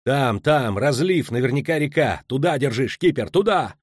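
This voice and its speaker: A man voicing an excitable boatman who shouts urgent directions. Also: mid-range voice, moderate pace, no echo, clean studio sound, pitched above the performer's own voice, lightly acted.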